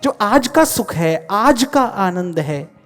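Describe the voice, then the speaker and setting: A man gives a scripture discourse to a gathered audience, speaking in a measured, explanatory way and leaning hard on key words. His voice hangs in a long hall reverb, with soft music underneath. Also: high voice, very animated. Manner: measured, explanatory, with emphatic stresses. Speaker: spiritual teacher.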